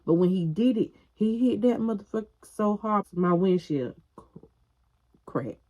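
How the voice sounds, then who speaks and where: A young adult woman telling a personal story to her viewers in a casual, animated way, swearing freely and calling out to the audience. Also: medium pitch, measured pace. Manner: animated, frank storytelling with profanity, addressing viewers. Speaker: vlogger.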